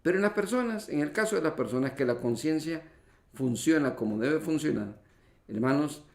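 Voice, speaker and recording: A pastor with a slightly high, darkish voice and lively intonation preaches at normal speed. His teacherly sermon breaks down the meaning of words step by step and explains spelling rules, with frequent references to his listeners as brothers. It's captured on an echoey livestream from a church hall.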